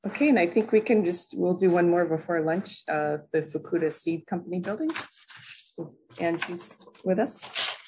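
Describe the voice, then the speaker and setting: A woman chairing a meeting, brisk and procedural with frequent ums. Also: lowish voice, noisy background.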